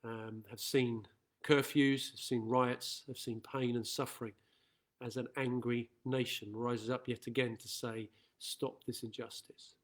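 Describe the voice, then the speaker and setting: A man's voice: mid-range voice, flat delivery, unhurried. A man, a school chaplain, giving an earnest, reflective assembly talk.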